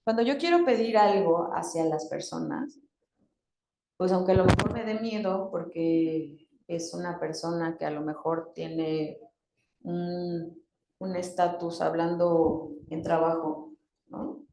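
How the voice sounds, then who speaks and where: A woman's voice: on the low side, slow pace, warm tone, slight background noise. A woman giving an interactive talk to a group. She asks them questions and acts out different tones of voice as examples. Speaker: workshop speaker. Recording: echoey room.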